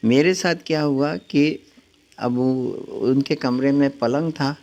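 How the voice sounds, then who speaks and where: An older man from the Varanasi region, a guest house owner, tells his story in an interview in an unhurried, reminiscing way with frequent pauses. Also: mid-range voice, fairly even intonation, darkish tone. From Varanasi region, India.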